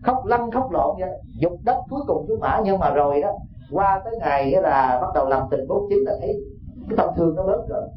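A man's voice: on the high side, expressive, quick pace, noisy background. A man with a Southern Vietnamese accent giving a Buddhist dharma talk in a folksy way, often putting questions to his listeners. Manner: folksy, keeps asking the audience questions. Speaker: Buddhist monk teacher. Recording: echoey, dull hall recording.

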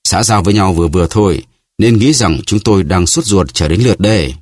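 Brash musketeer, blunt and pushy, voiced by a man; low, husky, dry. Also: brisk, no room sound. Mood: impatient. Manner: blunt, impatient. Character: brash, impatient male musketeer.

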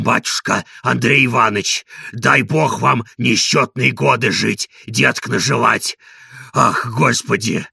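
A man voicing an old male servant who fawns and fusses, with a wheezing, hoarse voice, in an audiobook. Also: medium pitch, pushed and bright, no room sound, studio quality, heavily acted. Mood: overjoyed. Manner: bowing and scraping, fussy.

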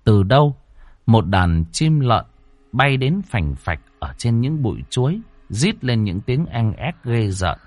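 A man narrating a ghost story in a dramatic way, slowing down for suspense. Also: mid-range voice, sing-song, a little mellow, no echo.

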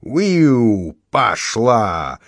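A man voicing an elderly mother who plays bomber pilot, shrill and gleeful, with noisy sound effects. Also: very animated, extremely slow, no room sound, studio quality, full character voice.

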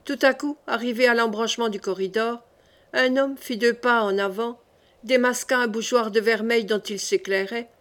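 A woman narrating a classic novel in a measured, clear reading style. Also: a little high, fairly even intonation. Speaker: audiobook narrator.

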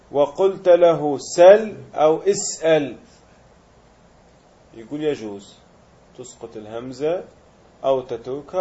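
A man's voice: medium pitch, warm tone, dull audio. A man teaching a grammar lesson, explaining step by step and quizzing his students.

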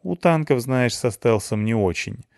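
A mocking young woman gamer, worn out and quick with insults, as a male audiobook reader puts her on. Her voice sits noticeably higher than the reader's own. The recording is dry and close. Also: lively intonation, dry recording, close to an everyday voice. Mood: teasing, grumpy. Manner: sharp-tongued, teasing.

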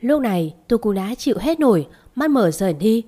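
Woman storyteller, scripted first-person narration, steady plain delivery. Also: on the high side, normal speed.

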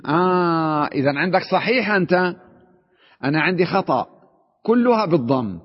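A man's voice: a little high, animated, moderate pace, breathy edge, big-room sound, lo-fi sound. A man, a sheikh, teaching an Arabic grammar class, explaining patiently and often checking with his students that they follow. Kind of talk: classroom lesson.

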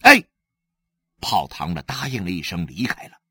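A man reading a novel aloud as a storyteller, animated and acting out the scenes. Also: sits low, brisk, breathy edge, no echo, studio quality.

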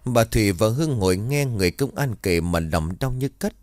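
A man narrating a scripted horror story in a steady, even storytelling manner. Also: fairly low pitch, brisk, no room sound.

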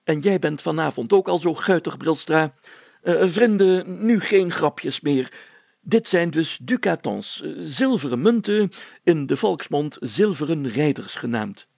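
A man's voice: fairly high pitch, expressive, a little slow, vocal fry, darkish tone, no room sound, voice pushed up, exaggerated voice. A man putting on a blustering, pompous mayor. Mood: lecturing. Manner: blustering, lecturing, puffed-up. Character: pompous self-important male mayor. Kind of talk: storybook reading.

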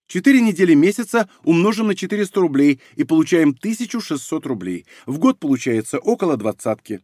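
A man's voice: a little high, sing-song, fairly quick, darkish tone, dry recording, clean studio sound. A man voicing a shrewd, sarcastic young woman mage who haggles hard, in an audiobook. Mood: haggling.

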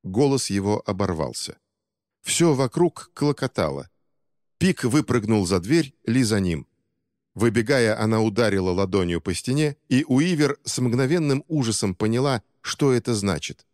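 A man with a fairly low voice reads an audiobook in steady, dramatic scripted narration. His voice sounds close and dry, yet each phrase trails into a long reverb. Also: normal speed.

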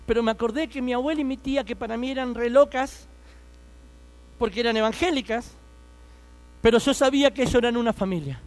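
A man in his thirties with an Argentine Spanish accent tells his life story as a fervent preaching testimony, addressing his listeners directly. His voice is very high-pitched and a little fast, broken by long pauses.

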